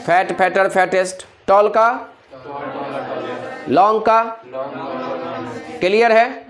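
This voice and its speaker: A man's voice: high voice, fairly even intonation, slow pace, a crowd in the background. Man teaching, quizzing his class. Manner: quizzes the class with constant call-and-response questions. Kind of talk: classroom grammar lecture.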